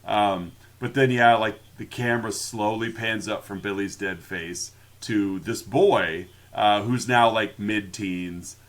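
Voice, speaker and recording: A man's voice: fairly low pitch, takes it slowly, hardly any pauses. A man co-hosting a podcast, recapping a film in casual chat, laughing often and mock-quoting the characters. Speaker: podcast co-host.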